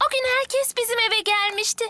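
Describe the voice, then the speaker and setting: A woman's voice: very high voice, fairly quick, background noise. Topsy, a giggly cartoon girl. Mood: bubbly. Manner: giggly, excited. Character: bubbly little girl twin. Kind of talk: dubbed cartoon acting.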